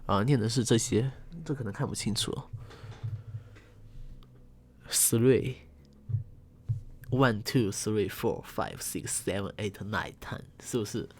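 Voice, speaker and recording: A man's voice: on the low side, normal speed, few pauses, breathy edge. A young man hosting his channel, chatting casually to camera in a playful, teasing way and hamming up English words. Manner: playful, teasing, joking self-mockery, exaggerated English words. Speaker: channel host. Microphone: desk condenser mic.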